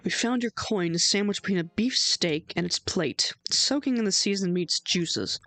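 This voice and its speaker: A woman voicing an earnest young male defense lawyer who reasons through the case calmly. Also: medium pitch, normal speed, no echo. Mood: determined.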